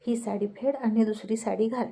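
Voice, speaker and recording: A woman's voice: fairly high pitch, steady tone, moderate pace, creaky, mellow, slightly rough. A woman voicing a chatty young village woman who teases a newcomer. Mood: teasing.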